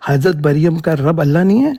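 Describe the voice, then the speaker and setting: Gravelly man arguing insistently. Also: on the high side, mellow, dry recording. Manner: argumentative, insistent, interrupting. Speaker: debater. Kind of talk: heated religious debate.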